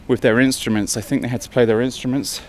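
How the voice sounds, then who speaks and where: A man's voice: medium pitch, fairly even intonation, fast talker, darkish tone. Breathless English man vlogging uphill. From England. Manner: chatty, thinking aloud. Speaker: travel vlogger. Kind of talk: walking travel vlog. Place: outdoors on a city hill walk. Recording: faint outdoor street noise.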